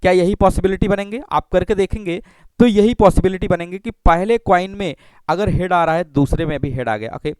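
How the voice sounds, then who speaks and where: A man teaching a maths lesson. He explains slowly, repeats himself and keeps checking in with "okay" and rhetorical questions. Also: sits high, a little mellow, smooth, dry recording. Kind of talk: classroom lecture.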